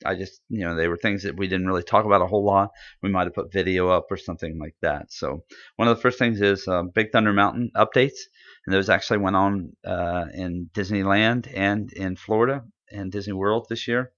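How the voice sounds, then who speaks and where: On dull lo-fi audio, a male podcast co-host chats casually, rambling enthusiastically and filling his speech with fillers. His voice is low and a bit bright, with a steady tone and a slightly quick pace.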